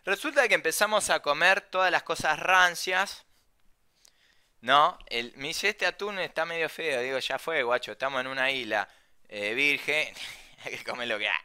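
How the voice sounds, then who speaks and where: A young man with a Rioplatense Spanish accent casually telling a travel anecdote, slangy and animated, swearing freely. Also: a little high, normal speed, clean tone. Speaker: storyteller.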